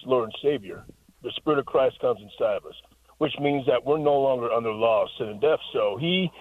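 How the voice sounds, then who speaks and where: A man's voice: mid-range voice, no echo. A man calling in to a radio show over a phone line, talking earnestly at length and quoting scripture. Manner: earnest, talkative, quotes scripture. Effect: heard over a phone line on the radio. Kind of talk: caller on a call-in radio show.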